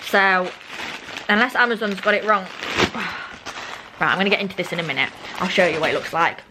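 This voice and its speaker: A woman's voice: mid-range voice, a little fast, background noise. A young British woman chatting casually and ramblingly in a vlog, her speech slightly slushy from braces with elastic bands. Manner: rambling, self-interrupting, informal. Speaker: vlogger.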